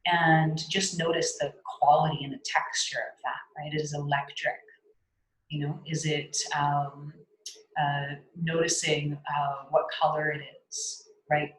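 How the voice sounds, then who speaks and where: Low-voiced woman leading a spiritual talk. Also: level tone, unhurried, reverberant, poor audio. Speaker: spiritual workshop facilitator. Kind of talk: guided teaching on a video call. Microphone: video call.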